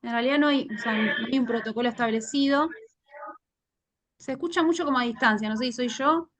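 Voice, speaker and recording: A woman's voice: a little high, brisk, fairly bright tone. A woman panelist speaking plainly in an online case discussion, her voice coming through echoey and distant over a video call. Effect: echoey, distant-sounding call audio.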